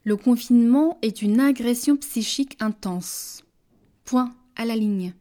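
Woman, dictation reader, very slow and measured, warm mellow tone, repeats each phrase. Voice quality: measured, deliberate, dropping low on punctuation words. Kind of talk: slow French dictation, each phrase read twice with punctuation spoken.

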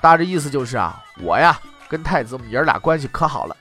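A man's voice: medium pitch, very animated, quick pace, bright, forceful tone, soft background music. A man telling history in traditional comic storytelling style, with wry, mocking asides.

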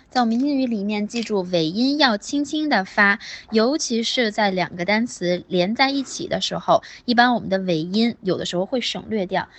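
A woman's voice: medium pitch, fairly bright tone, dry recording. Woman teacher drawing out vowel sounds. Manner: drawn-out vowel demonstrations, repeats words slowly; encouraging praise. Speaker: English pronunciation teacher. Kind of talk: online class instruction.

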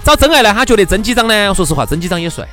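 A man's voice: high voice, big pitch swings, racing, pushed and bright, faint music behind. A man with a Sichuan accent co-hosting a talk show, giving casual commentary in colloquial dialect, repeating phrases and posing rhetorical questions.

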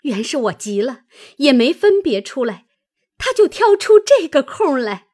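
A defiant young maid with a high, breathy voice that swings wide as she lashes out, as a woman reader puts her on. She scolds in sharp, heated bursts, proud and unwilling to give an inch, in a storybook reading. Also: very animated, measured pace, exaggerated voice.

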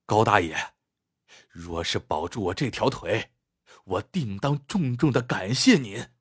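A man voicing a grateful, earnest male boss who speaks a little higher in a husky voice. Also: lively intonation, measured pace, no echo, clean studio sound.

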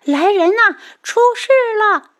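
A woman's voice: very high voice, animated, slow pace, sharp tone, pitched above the performer's own voice, heavily acted. A woman voicing a frightened young palace maid who stammers and cries out shrilly. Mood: panicked.

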